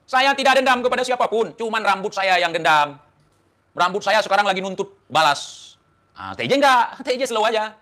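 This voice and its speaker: High, bright-voiced defiant man. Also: animated, moderate pace. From Indonesia. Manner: defiant, taunting, rhetorical questions. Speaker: online talk show host. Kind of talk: heated monologue to camera.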